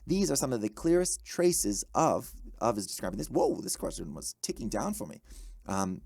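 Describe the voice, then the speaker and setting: A man works practice test questions out loud in a dry, close room. His voice sits low with some gravel, but his pitch swings widely as he catches mistakes, corrects himself, and cheers his own answers. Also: no room sound. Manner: animated, self-correcting, quick asides and exclamations. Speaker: test-prep tutor. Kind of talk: thinking aloud while working practice questions.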